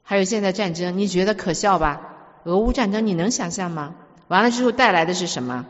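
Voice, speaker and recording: A woman's voice: medium pitch, expressive, a little fast. A woman preacher giving a sermon, emphatic and full of stories, often repeating words as she speaks. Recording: dull recording with long hall reverb.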